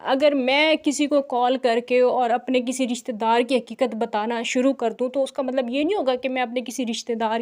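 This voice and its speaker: A woman with a sore, scratchy throat, talking slowly and carefully to camera as a reaction channel vlogger, with frequent filler sounds. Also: fairly high pitch, darkish tone. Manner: deliberately slow, careful speech with frequent fillers. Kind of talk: casual direct-to-camera commentary.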